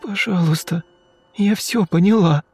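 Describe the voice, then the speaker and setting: A man's voice: very animated, a little slow, a little mellow, husky, soft background music, heavily acted. Man putting on a sulky young woman. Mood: panicked. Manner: snappish, slangy, rising to shrill sobbing. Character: sulky young woman, rude then tearful.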